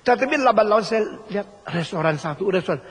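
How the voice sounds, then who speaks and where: An older man preaches emphatically, driving his points home by repeating phrases. His voice is high and husky. The hall around him rings with a long reverb. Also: expressive, quick pace, fairly bright tone. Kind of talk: sermon.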